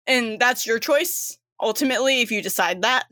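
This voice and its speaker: A woman's voice: fairly high pitch, normal speed, bright, forceful tone, no room sound. A woman running a tabletop game, narrating casually with a lot of filler words. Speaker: game master.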